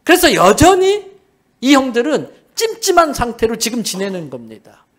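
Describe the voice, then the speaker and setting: A pastor with a Busan accent preaches in a church, his voice pitched high for a man. He moves between soft, low asides and loud, emphatic calls, slowing down to read scripture before explaining it plainly. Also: huge pitch swings. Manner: reads scripture aloud slowly, then explains it in plain talk. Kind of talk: sermon. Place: church sanctuary.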